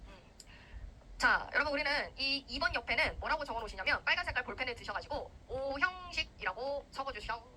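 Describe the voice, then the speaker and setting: A woman's voice: high voice, a little fast, slight background noise, poor audio. A young woman teaching English grammar to civil service exam students in a recorded lecture, acting out the sentence parts as if they were quarrelling. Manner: lively, animated, acts out grammar parts in quarrelling voices.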